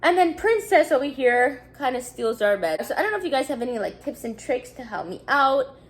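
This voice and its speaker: High-pitched, very animated, and a little fast, this woman is a beauty vlogger from Montreal, around thirty. Congested and sniffling, she rambles through casual get-ready-with-me chat with many fillers as she does her makeup.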